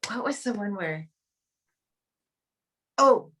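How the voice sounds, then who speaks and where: A woman's voice: medium pitch, expressive, fairly bright tone. A woman hosting a casual podcast chat, reminiscing and laughing easily. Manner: chatty, reminiscing, quick to laugh.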